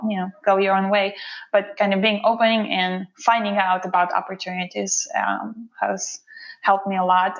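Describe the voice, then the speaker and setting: Speaking with a Russian accent, a woman from Russia talks reflectively about her career as an interview guest. She has a mid-range voice and an unhurried pace marked by fillers and restarts, captured on a low-quality recording.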